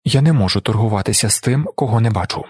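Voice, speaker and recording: A man's voice: quick pace, breathy edge, no echo, studio quality. A man voicing a grave, restrained ruler. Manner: restrained, calm, low-voiced. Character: grave, controlled blind male ruler.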